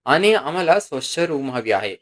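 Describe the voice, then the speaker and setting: A man's voice: mid-range voice, big pitch swings, normal speed, close to an everyday voice. A man voicing an arrogant young businessman, haughty and curt. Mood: haughty, irritated. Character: arrogant rich young businessman, snobbish and irritable.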